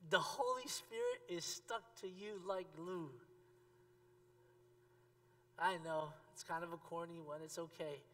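A man in his thirties preaching a sermon on a church stage, talking straight to the congregation and swinging from emphatic peaks to quiet asides. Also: sits high. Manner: conversational, addresses the congregation directly. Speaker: pastor. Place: church stage with a seated audience. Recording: long reverb of a church hall.

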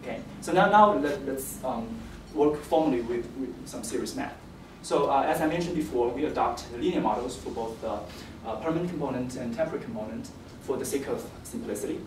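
A young man giving an academic presentation as a PhD candidate, with a halting, hesitant delivery and repeated words. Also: mid-range voice. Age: young adult. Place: indoor seminar room. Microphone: distant camera microphone. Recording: echoey room, distant mic, faint noise.

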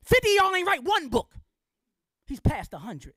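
A woman's voice: extremely high pitch, wildly swooping pitch, normal speed, fairly bright tone, dry recording, studio quality. A middle-aged woman giving an impassioned public lecture, blunt and colloquial, firing off rhetorical questions in a preachy, fiery way.

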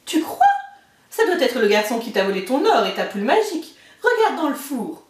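Ogre's wife, tall, anxious but kind, high lively delivery; a woman puts her on, roomy distant sound. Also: moderate pace. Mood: urgent. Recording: roomy, mic far off.

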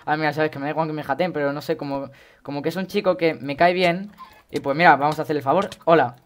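A teenage boy with a Spain Spanish accent, rambling chattily through gameplay commentary and breaking into sudden high yelps. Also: fairly even intonation, fast. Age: teens. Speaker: gaming YouTuber.

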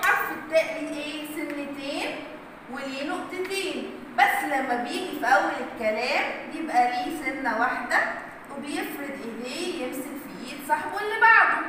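Egyptian woman, kindergarten teacher, high bright sing-song voice, echoey room, mic at a distance. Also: slight background noise. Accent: Egyptian Arabic. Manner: sing-song questions and answers, drawn-out sounds. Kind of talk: children's phonics lesson.

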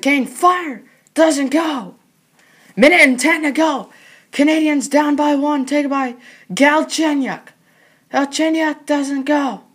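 A very high, youthful-pitched voice gives frantic mock sports commentary on a hockey game. The calls come in short, clipped bursts with drawn-out words between pauses. The delivery is excitable, always ready to rise toward a shout. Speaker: play-by-play commentator.

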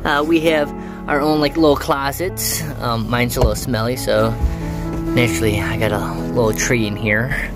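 A man's voice: mid-range voice, steady tone, moderate pace. Man, forties, travel vlogger, easygoing and rambling, phone held at arm's length, background music. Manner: easygoing, rambling with many uhs. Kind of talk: casual travel vlog. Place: outdoors at rest stop and inside truck camper shell. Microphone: handheld phone camera at arm's length.

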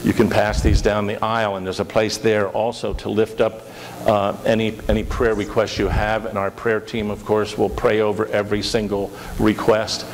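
With few pauses, a middle-aged pastor of fairly low pitch talks at a normal speed in a level tone, earnestly praying and announcing while repeating words along the way. The setting is a large church sanctuary, recorded with reverb and hiss.

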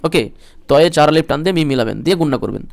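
A man teaching Quran reading, with quick explanations between slow chanted verses. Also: on the high side, animated, gravelly, dry recording, clean studio sound. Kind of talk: Quran recitation lesson.

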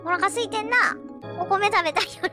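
A woman's voice: very high-pitched, a little fast. A woman with a Kansai accent commentating a game, chatty and teasing, talking to the characters on screen. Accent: Kansai Japanese. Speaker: game streamer. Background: loud game music.

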